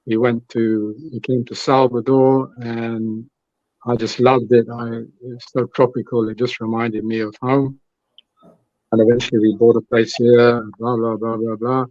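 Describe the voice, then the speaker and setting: A man telling a relaxed, rambling story over a video call. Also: medium pitch, measured pace, no room sound, lo-fi sound. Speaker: musician guest. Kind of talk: casual storytelling chat.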